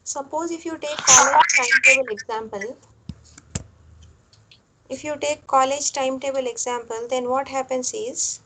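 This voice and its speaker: A woman lecturer, explaining a technical topic step by step, often repeating phrases and pausing on fillers. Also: high-pitched, steady tone, background noise. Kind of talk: classroom lecture.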